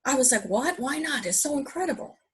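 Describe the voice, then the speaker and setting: Her voice is high-pitched, expressive and fairly quick as this Hawaiian woman, a native English speaker, gives a motivational business presentation. She is earnest and enthusiastic, frequently posing rhetorical questions to the audience.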